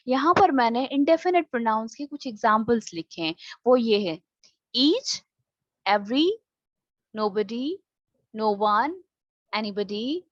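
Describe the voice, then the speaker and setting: A woman's voice: on the high side, dry recording, lo-fi sound. A woman with a Pakistani accent teaching an online English grammar class, explaining patiently and mixing in English phrases.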